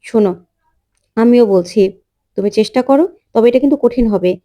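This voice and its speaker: A woman voicing a calm adult man who gives advice, in a plain reading voice. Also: on the high side, fairly quick, natural voice. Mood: advising.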